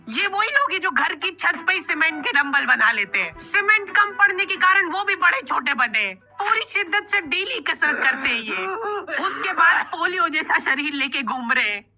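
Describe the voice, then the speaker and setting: A man's voice: very high voice, very animated, moderate pace, bright, forceful tone, faint music behind. A man narrating a comedy sketch in a chatty, teasing way, talking straight to viewers. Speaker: comedy narrator and sponsor reader. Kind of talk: scripted comic narration.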